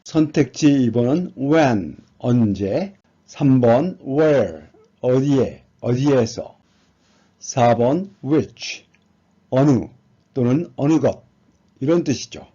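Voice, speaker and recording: A man's voice: mid-range voice, animated, extremely slow, mellow, husky. A man teaching an exam prep lesson, patiently reading words and explaining them one by one. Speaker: English teacher. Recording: dull lo-fi sound.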